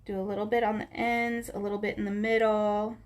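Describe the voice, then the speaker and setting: This woman talks a little fast at a medium pitch, her intonation mostly flat. She's a craft instructor teaching coloring on a live stream, sounding nasal from a stuffy nose and chatting casually with viewers by name.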